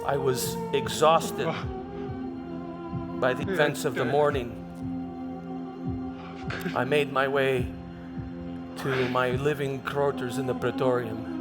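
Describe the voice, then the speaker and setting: A man playing Pontius Pilate as a proud, tormented Roman governor in an impassioned, halting theatrical monologue. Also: medium pitch, steady tone, pitched below the performer's own voice, close to an everyday voice. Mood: weary. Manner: impassioned, halting, dramatic, with stammered repeats. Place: large church hall. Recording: reverberant hall with music.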